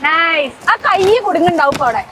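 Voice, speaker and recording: High-pitched woman vlogging over outdoor noise. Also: animated, a little fast, bright, forceful tone. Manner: exclamatory, mixes English words into Malayalam. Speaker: travel vlogger. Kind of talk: casual spoken vlog commentary. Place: mostly outdoors on a trek. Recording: noisy outdoor recording with vehicle-like rumble.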